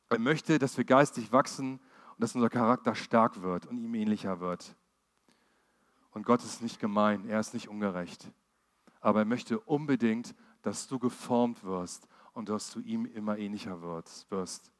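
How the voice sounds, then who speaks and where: A middle-aged man preaching a sermon in a conversational way, talking straight to the listener and swinging between loud emphasis and quiet, low asides. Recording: long reverb of a large hall.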